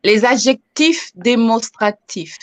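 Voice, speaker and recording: Woman student reading grammar notes out loud, really slow and careful, dry sound. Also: a little high, expressive, no echo. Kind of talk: reading a textbook passage aloud.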